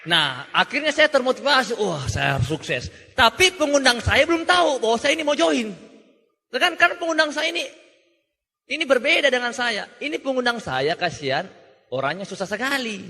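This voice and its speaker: A young man telling a joking, animated story at a motivational seminar, acting out the voices of people he quotes. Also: very high voice, normal speed, gravelly. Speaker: motivational speaker. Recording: reverberant hall.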